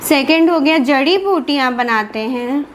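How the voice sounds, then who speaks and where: Slow, high-voiced woman teaching exam prep. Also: lively intonation, a little hiss or hum. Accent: Indian Hindi. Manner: asks questions then answers them, repeats key terms slowly. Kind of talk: classroom lecture with repetition and revision.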